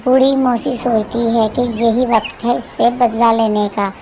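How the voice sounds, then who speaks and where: High-voiced woman narrating a cartoon. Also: steady tone, noisy background. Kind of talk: storybook narration.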